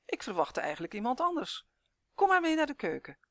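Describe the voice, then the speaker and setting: A woman reading a storybook voices a brisk, cheerful baker woman, lifting her voice higher and quicker, recorded close and dry. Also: big pitch swings, a bit bright, dry recording, heavily acted.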